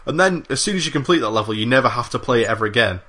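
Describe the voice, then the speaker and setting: A man with a husky, sharp-toned, medium-pitched voice talks very fast with lively intonation. Co-hosting a casual games podcast, he chats enthusiastically, full of fillers and the occasional swear word.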